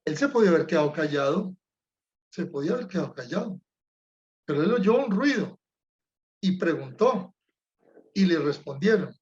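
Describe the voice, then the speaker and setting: A man's voice: on the high side, expressive, moderate pace, long pauses, a little mellow, dull audio. A man teaching personal prayer over a video call, reflecting aloud and acting out a blind man's cries for mercy. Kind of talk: teaching lesson on Lectio Divina.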